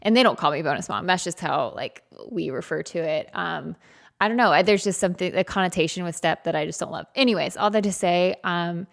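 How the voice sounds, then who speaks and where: A woman co-host talks with a low, gravelly edge, chatty and quick to laugh at herself. Her young adult voice stays casual as she swaps stories in a relaxed podcast conversation. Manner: chatty, self-deprecating, laughs often. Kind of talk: casual chat.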